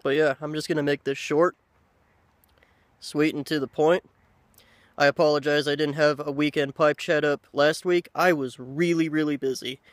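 A man in his thirties chatting casually to the camera outdoors, unhurried and halting, with pauses. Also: fairly high pitch, little pitch movement, dry recording. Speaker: pipe-smoking video blogger. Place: outdoors by a lake in woods. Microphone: handheld camera at arm's length.

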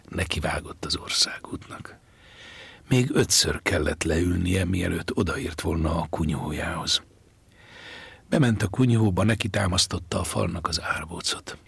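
A man reads a novel aloud in a slow, hushed, half-whispered way. His voice is very deep and thick with gravel and breath. He sits close to the microphone in a dead, dry space. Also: no echo. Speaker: audiobook narrator. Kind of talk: literary audiobook narration.

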